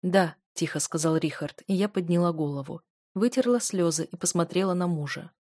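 A woman narrating a first-person audiobook in a steady, expressive way. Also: fairly low pitch, a little fast, no echo, studio quality.

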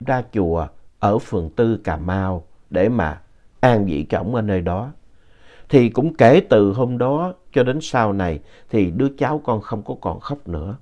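A man narrates a spooky tale in a relaxed, conversational manner. His pitch moves a lot, rising and falling as he goes, and he stops now and then to explain things. The audio sounds dull and lo-fi. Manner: unhurried, conversational retelling with explanatory asides. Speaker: storyteller reading a listener's ghost story.

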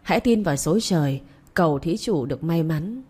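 Woman reading as a calm solemn monk. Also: low voice, moderate pace, slightly rough.

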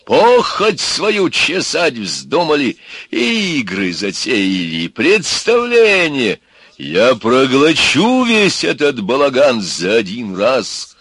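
A man voicing a gluttonous, mocking three-headed male dragon in a storybook, slow and leering. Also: mid-range voice, sing-song, pushed and bright, husky, no room sound, pitched above the performer's own voice, full character voice. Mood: threatening.

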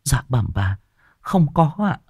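A man's voice: medium pitch, very animated, slow pace, a little mellow, breathy edge, no room sound, clean studio sound, pitched above the performer's own voice, heavily acted. A man voicing a timid old woman cook, over sixty, who stammers and pleads through tears. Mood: pleading.

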